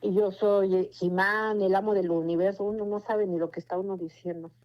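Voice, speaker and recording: A Mexican woman in her forties giving a personal faith testimony, telling her story in an earnest, meandering way. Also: fairly low pitch. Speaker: testimony speaker. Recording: muffled lo-fi recording.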